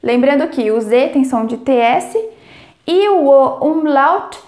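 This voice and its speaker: A woman teaching German numbers in Portuguese, explaining clearly and slowing down to model each word's pronunciation. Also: high-pitched, animated, a little mellow, roomy sound. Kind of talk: language lesson.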